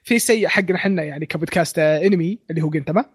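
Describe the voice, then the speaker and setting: A man's voice: fairly high pitch, racing, husky, no room sound, clean studio sound. A young man hosting a casual podcast, venting exasperated complaints in a ranting way. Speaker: podcast host.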